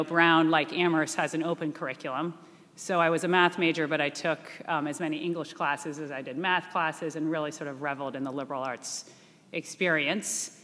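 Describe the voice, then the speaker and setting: A woman's voice: deep voice, a bit bright. A woman answering as a panelist, poised and upbeat with some restarts. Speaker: chief investment officer. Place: reunion event hall. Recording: echoey hall.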